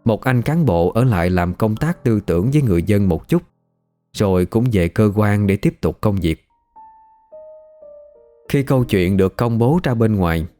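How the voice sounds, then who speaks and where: A man, narrating a ghost story in a steady, measured way. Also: fairly low pitch.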